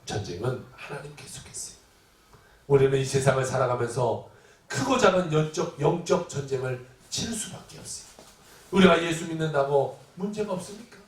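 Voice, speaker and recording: A middle-aged man preaching a sermon as pastor, telling stories dramatically and acting out shouting crowds and a taunting giant. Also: mid-range voice, expressive, brisk. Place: church sanctuary. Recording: echoey church hall, mic at a distance.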